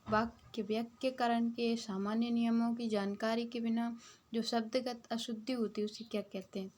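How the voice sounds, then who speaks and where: A woman's voice: fairly high pitch, slight background noise. A woman teacher working through exam questions, reading each one out and then explaining the answer. Some of her answers are half-whispered.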